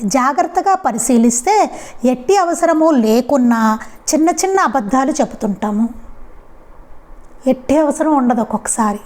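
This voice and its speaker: A woman's voice: high voice, a little mellow. A woman giving a devotional satsang talk in a conversational storytelling way, with frequent rhetorical questions. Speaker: spiritual speaker.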